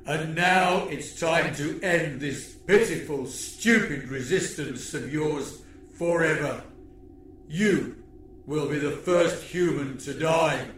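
A man's voice: a little high, slow pace, a bit bright, roomy sound, slight background noise. A man voicing a gloating male alien villain leader in a storybook reading, speaking with a sneering, mocking manner. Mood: menacing.

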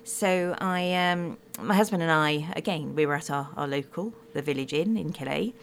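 A woman's voice: sits low, moderate pace, slight background noise. A middle-aged woman from Swansea with a Swansea Welsh accent, talking conversationally as an author being interviewed. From Swansea, Wales.

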